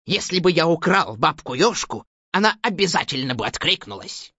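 A hesitant, fussy old male sorcerer, which a woman puts on speaks in a bright, tense voice that hems and trails off. The storybook recording is dry and muffled. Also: deep voice, big pitch swings, moderate pace, husky, no room sound, full character voice. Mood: puzzled. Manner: hesitant, hemming and fumbling. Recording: dull lo-fi recording.

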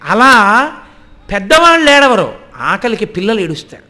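A middle-aged man delivers a devotional discourse in a strikingly high voice, turning to his audience as he tells the story. His tone is bright and forceful, and every point lands with animated conviction. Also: moderate pace. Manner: animated, addresses listeners directly, acts out voices and chants Sanskrit verses. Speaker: religious discourse speaker.

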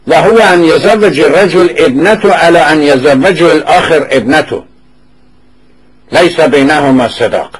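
A man's voice: medium pitch, slightly rough, poor audio. A man giving an informal lecture. He reads old passages aloud and then explains them in casual, conversational speech, repeating words to get the pronunciation right.

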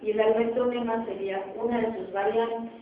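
A woman's voice: fairly high pitch, steady tone. Woman lecturer, Mexican Spanish accent, rhetorical questions, tinny phone-like sound, noisy background. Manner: explains slowly with rhetorical questions. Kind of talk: university lecture. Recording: echoey classroom from far off, phone-like sound, noise.

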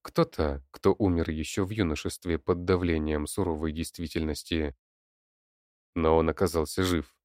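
A man reading an audiobook with steady scripted narration. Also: rumbling low, moderate pace, no room sound, clean studio sound. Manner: steady storytelling.

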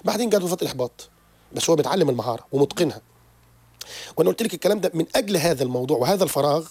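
A man, a therapist guest on a radio show who lectures quickly and keeps restarting his sentences. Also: a little high, husky, no echo. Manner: animated, rapid lecturing with frequent restarts. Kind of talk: radio interview explanation. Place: radio studio.

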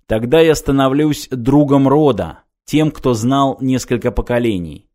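A man's voice: mid-range voice, measured pace, a little mellow, close to an everyday voice. A man reading the lines of a curious adult male traveler in an audiobook.

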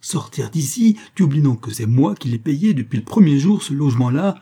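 A man's voice: on the low side, fairly even intonation, fairly quick, warm tone, breathy edge. A man reading an audiobook, voicing a furious, betrayed woman who scolds her lover with indignant scorn. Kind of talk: audiobook character voice.

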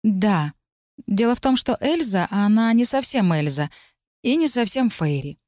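A woman's voice: medium pitch, expressive, a little slow, darkish tone, dry recording, pitched above the performer's own voice, natural voice. An earnest young woman, voiced by a woman narrator, speaks in a raised, pleading voice. Her voice sits a little above the reader's own. The recording is dry.

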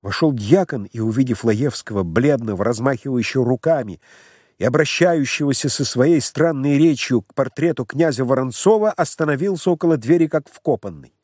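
A man reading a classic novella aloud in a steady storytelling manner. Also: medium pitch, moderate pace, no echo, studio quality. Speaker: audiobook reader. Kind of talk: literary audiobook narration.

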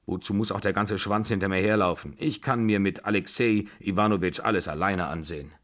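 A man's voice: low-pitched, fairly quick. A man reading aloud and voicing a domineering 75-year-old grandmother who scolds and gives orders. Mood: commanding. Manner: bossy, scolding, loud and commanding. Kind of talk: radio drama reading.

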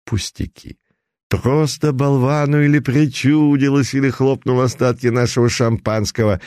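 A teasing, carefree young dandy with a soft voice and a burred r, as a man reads him in an audiobook. He sounds pitched higher than a plain reading voice, and the sound is dry and close. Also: no room sound. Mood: dismissive. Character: mocking cheerful young male dandy.

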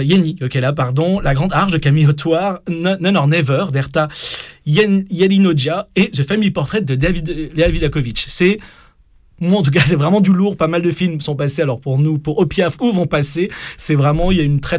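A man's voice: on the high side, darkish tone. A man hosting a radio show, chatting casually with many fillers and restarts.

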